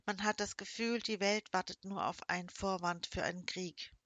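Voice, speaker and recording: A woman's voice: medium pitch, steady tone, normal speed, a bit bright, no room sound, close to an everyday voice. A woman voicing a smug, menacing middle-aged nobleman with a silky, mocking, condescending manner. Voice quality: croaking when pained.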